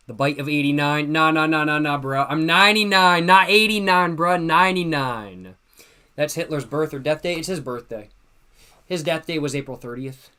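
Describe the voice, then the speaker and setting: The voice is medium-pitched, sharp and clean, belonging to a young man in his twenties who hosts a livestream. Loose and a little tipsy, he works through viewers' chat questions in slangy fashion, often echoing his own words.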